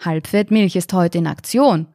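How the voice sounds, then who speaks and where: A woman's voice: on the low side, moderate pace, mellow, no room sound, clean studio sound, lightly acted. A woman voicing a condescending, overly polite male robot shop assistant in a story podcast. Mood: smugly polite.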